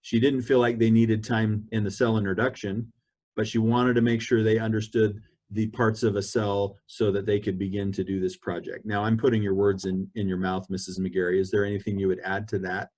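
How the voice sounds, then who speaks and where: A man with a fairly low voice leads an online parent meeting. He explains things in a steady, methodical way and walks listeners through each point. He is heard over a video call. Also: a little fast. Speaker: school administrator presenting to parents.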